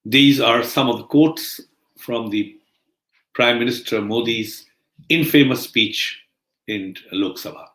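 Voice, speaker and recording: A man delivering a spoken news commentary as host of a bulletin, slow, deliberate and emphatic with pauses. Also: medium pitch, a bit bright, echoey room, rough recording.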